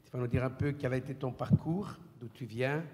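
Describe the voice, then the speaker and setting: A man's voice: medium pitch, a little fast, mellow. A man hosting a church service in a church hall, introducing a speaker and answering with fervent, exclamatory praise. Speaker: church leader presenting a testimony. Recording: long church-hall reverb.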